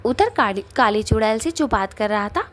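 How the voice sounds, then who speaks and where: A woman's voice: on the high side, lively intonation, normal speed, faint music behind. Woman narrating a cartoon story. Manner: plain storytelling.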